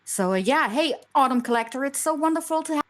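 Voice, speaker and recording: A woman's voice: high-pitched, animated, fast talker. A woman hosting a casual live online show over voice chat, bubbly and playful, stumbling and restarting her sentences. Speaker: show host. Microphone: push-to-talk voice chat mic.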